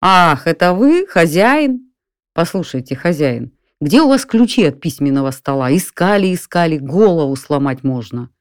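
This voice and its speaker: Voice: medium pitch, very animated, dry recording, clean studio sound, close to an everyday voice. Чтец изображает рассудительного грабителя, простонародного и неторопливого, голос выше обычного. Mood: reasoning. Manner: folksy, unhurried, addresses the listener as "барин". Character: calm, reasoning burglar in an apartment.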